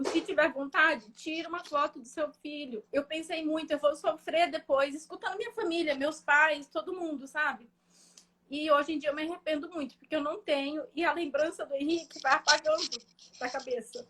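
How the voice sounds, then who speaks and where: Woman, high voice, young adult, emotional, halting, fillers and restarts, live conversation. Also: fairly bright tone, slight background noise. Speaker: guest. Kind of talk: personal storytelling in a live chat.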